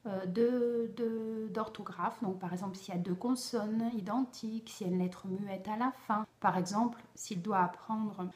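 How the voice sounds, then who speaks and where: A woman with a medium-pitched voice speaks as an educator advising parents. Her delivery is didactic and instructional. She explains methodically, one step at a time. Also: fairly even intonation, moderate pace, hardly any pauses, a little mellow. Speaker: educator giving spelling advice to parents.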